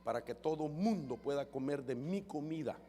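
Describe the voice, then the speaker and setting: A man's voice: fairly high pitch, lively intonation, moderate pace, mellow. A man preaching a fervent sermon as pastor, often calling his listeners brother. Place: church hall. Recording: long church hall reverb.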